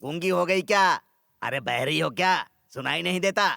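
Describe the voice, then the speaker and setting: A man's voice: fairly high pitch, moderate pace, creaky, sharp tone, a little hiss or hum, full character voice. An actor dubbing a lazy, bossy husband who grumbles and nags his family. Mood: grumbling. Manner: nagging, grumbling. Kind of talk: Hindi film dub, comic.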